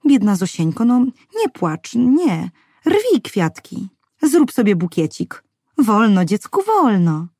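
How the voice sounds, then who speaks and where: A woman's voice: mid-range voice, sing-song, unhurried, a little mellow, husky, no echo, clean studio sound. A woman voicing a vain, doting rich mother who coos over her child and snaps at others. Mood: shrill. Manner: cooing to the child, shrieking at others.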